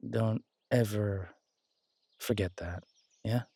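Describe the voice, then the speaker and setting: A husky, low voice with a warm tone carries a heavily acted, warm and teasing performance as an affectionate werewolf boyfriend who tinkers with bikes. The man's easygoing speech in this intimate roleplay audio drama is casual and halting, with no echo.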